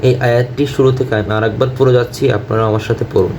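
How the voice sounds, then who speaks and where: A man teaching Quran recitation word by word. He chants each phrase slowly and repeats it, then explains the pronunciation rules. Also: medium pitch, steady tone, darkish tone, a little hiss or hum.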